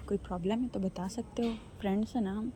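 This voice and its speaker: A woman's voice: medium pitch, fairly even intonation, fast talker, mellow, slight background noise, natural voice. A woman voicing a bitter young woman who answers with sarcastic questions.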